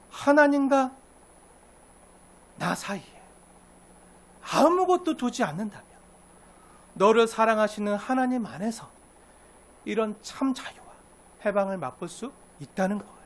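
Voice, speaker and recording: High-voiced Korean preacher man. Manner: preaching with questions to the congregation and acted quotes. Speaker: pastor. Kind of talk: sermon.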